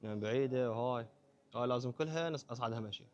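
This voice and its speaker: A man's voice: medium pitch, rapid-fire, highs cut off. A man with an Iraqi Arabic accent narrating a casual vlog, talking informally to viewers and companions in short phrases. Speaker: vlogger.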